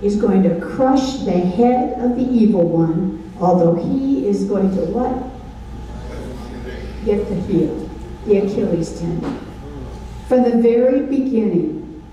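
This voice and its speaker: A woman's voice: mid-range voice, lively intonation, slow pace, long pauses, dark tone, a little hiss or hum. An older woman teaching a Bible study sermon from a lectern with a handheld mic, asking the audience questions and preaching emphatically. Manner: call-and-response questions, emphatic. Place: large dark stage at a lectern. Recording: echoey hall, from far off, faint ambience.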